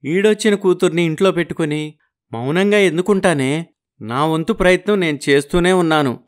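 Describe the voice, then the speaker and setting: A man's voice: a little high, fairly quick, lightly acted. A man voicing a humble pleading village father. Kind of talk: animated storybook voice acting.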